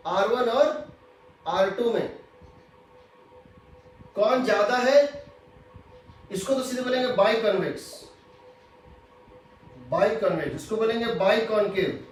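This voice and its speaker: A man's voice: high-pitched, takes it slowly, long pauses. A man teaching physics in a lecture, explaining step by step and repeating key points. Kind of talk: classroom lecture. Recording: very echoey room.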